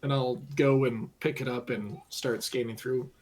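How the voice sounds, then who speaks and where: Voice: mid-range voice, steady tone, moderate pace, a little mellow, a little hiss or hum, poor audio. A player in a tabletop game, describing actions in a plain, matter-of-fact way. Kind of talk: casual tabletop play.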